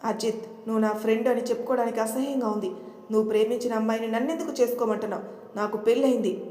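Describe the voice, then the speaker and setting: A woman's voice: a little high, fairly even intonation, fast talker, warm tone, close to an everyday voice. A woman voicing an anguished, righteous young married man in an audio story. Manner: emotional, pleading. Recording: echoey room with long reverb.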